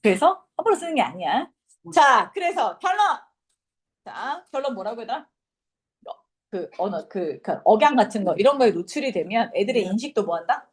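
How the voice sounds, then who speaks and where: A woman's voice: on the high side, sing-song, normal speed. A young woman teaching an English class, lecturing casually and quizzing her students.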